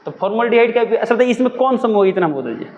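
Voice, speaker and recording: A man's voice: very high voice, expressive, racing, a little mellow, in a large hall. A young man teaching a chemistry lesson, who keeps asking his own questions and answering them.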